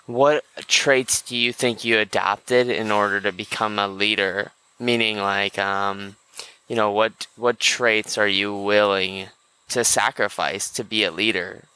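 Young male podcast host, low voice, friendly and casual, dry sound. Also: steady tone, unhurried, pushed and bright, smooth, dry recording. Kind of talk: casual interviewing.

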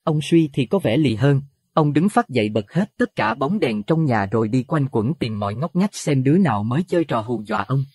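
A man narrating a Buddhist horror audio story in an expressive, dramatic way. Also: medium pitch, fairly quick, slightly rough, no echo, studio quality. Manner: expressive, rising to alarm at scary moments.

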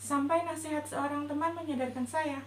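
In a spacious indoor room with a patterned cloth backdrop, a high-voiced woman, a religious teacher, gives a gentle, reflective talk at a measured pace. Her tone stays steady, a faint hum runs beneath her words, and the recording carries some echo.

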